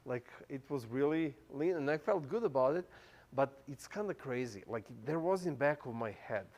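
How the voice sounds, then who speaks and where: A mid-range, slightly mellow voice speaks expressively at normal speed over a little hiss or hum. He's a pastor in his thirties preaching a chatty, informal sermon in non-native English with a foreign accent, peppered with fillers and restarts and frequent laughs.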